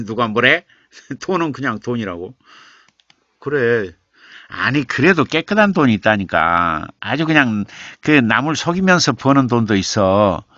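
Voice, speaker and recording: A man's voice: medium pitch, very animated, a little slow, a bit bright, no echo, dull audio. A man hosting a live stream, reading viewers' comments and coaxing them, then muttering and repeating lines as he revises their poems aloud. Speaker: live-stream host, writing teacher.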